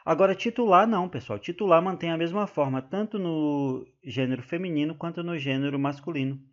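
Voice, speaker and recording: A man with a Brazilian accent explaining an exam-prep grammar lesson, slowly and patiently, drawing out the example words. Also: a little high, lo-fi sound. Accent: Brazilian Portuguese. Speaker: teacher.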